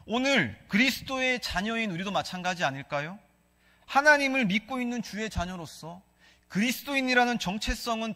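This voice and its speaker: This male preacher's high voice sounds pushed and bright, echoing with the long reverb of a church hall inside the sanctuary. Speaking with a Gyeongsang Korean accent, he asks his congregation questions and has them read scripture aloud with him.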